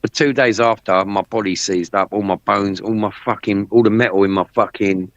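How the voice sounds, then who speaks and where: A man's voice: fairly low pitch, steady tone, normal speed, dry recording. A man talking politics in a casual chat, blunt and full of swearing, often repeating himself. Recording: dry, dull lo-fi sound.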